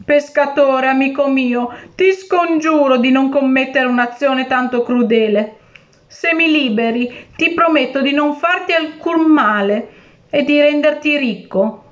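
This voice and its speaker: A woman's voice: high voice, measured pace, muffled recording, pitched above the performer's own voice. A woman reading aloud and voicing a cruel, tricky male genie who threatens and wheedles in turn. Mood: pleading.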